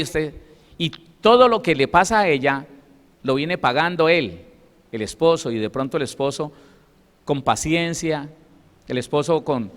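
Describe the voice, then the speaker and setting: A man's voice: fairly high pitch, fairly bright tone. A Colombian man, a pastor, preaching a sermon with emphatic delivery and acted-out quotes, in a Colombian Spanish accent. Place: church hall. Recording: long hall reverb.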